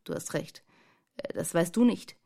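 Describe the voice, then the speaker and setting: A woman voicing an easygoing adult man who gently scolds and teases children in a storybook reading. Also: lowish voice, a little slow, creaky. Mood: teasing.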